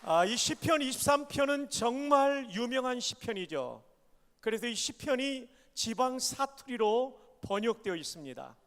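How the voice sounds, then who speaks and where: A man from Chungcheong preaches a revival sermon in a very high, smooth, resonant voice. He leads the congregation in call-and-response with lively energy. His words ring through the long echo of a large hall over a stage microphone. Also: measured pace. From Chungcheong, Korea. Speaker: pastor. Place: large church or retreat hall.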